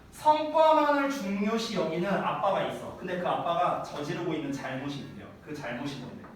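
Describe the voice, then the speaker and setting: A man in his thirties, an English teacher giving a chatty classroom lecture, often checking whether students follow. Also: high voice. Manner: chatty, animated, asks students rhetorical checks. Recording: echoey room from far off, faint noise.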